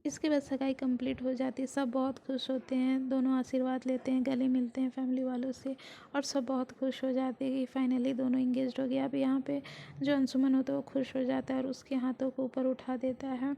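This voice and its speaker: A woman casually retelling the events of a TV serial episode in a flat way, with a few filler sounds. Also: high voice, a little fast, creaky, slight background noise. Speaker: TV serial recap host. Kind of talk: casual spoken episode recap.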